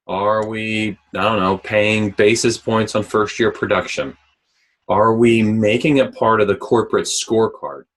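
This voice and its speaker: A man giving a business presentation on recruiting to a sales team, asking them questions and often clearing his throat, close to the mic on a call. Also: on the low side, flat delivery, a little slow. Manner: coaching, asks the audience questions. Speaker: mortgage recruiting trainer. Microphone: close mic, remote call.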